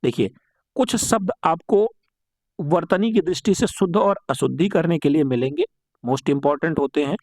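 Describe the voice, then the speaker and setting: A man's voice: fairly high pitch, moderate pace, a little mellow, no room sound, clean studio sound. A man teaching an exam-prep Hindi grammar lesson. He asks rhetorical questions, answers them himself, and repeats each correct form for emphasis.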